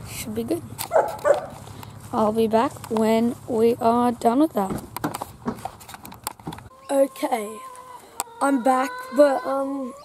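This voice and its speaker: High, slow-talking woman on a farm. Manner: chatty, loose, full of fillers. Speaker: farm vlogger. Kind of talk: casual vlog narration. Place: outdoors on a farm paddock. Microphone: handheld camera mic. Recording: noisy outdoor camera audio. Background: outdoor ambience, animals, vehicle.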